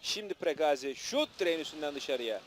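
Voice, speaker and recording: A man's voice: fairly high pitch, expressive, brisk. A man giving live television football commentary in short, clipped play-by-play phrases. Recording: noisy old match broadcast, outdoor stadium.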